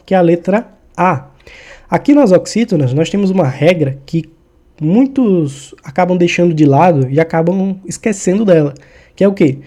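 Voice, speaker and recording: A man with a fairly high but very mellow, dark-edged voice walks through grammar rules like a relaxed tutor. He keeps it informal and stops often to make sure the listener is following. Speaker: exam-prep Portuguese teacher. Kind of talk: casual explanatory lesson.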